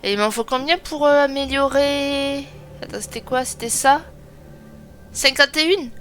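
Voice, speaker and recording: A woman's voice: sits high, a little slow, a bit bright. A woman giving chatty, self-mocking let's play commentary, thinking aloud as she plays. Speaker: gaming streamer. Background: game music.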